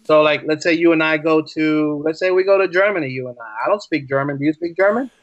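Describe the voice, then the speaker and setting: Speaking quickly in a fairly high register, this American teacher appears as a guest in a conversational podcast interview. He drives his points home with repeated phrases and rhetorical questions. The recording sounds dull and has no room sound.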